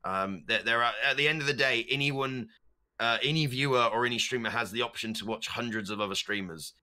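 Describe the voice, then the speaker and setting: Speaking at a medium pitch and a fairly quick clip, a man with a stutter chats informally as a streamer guest on a podcast. Every so often he breaks into loud meme voices.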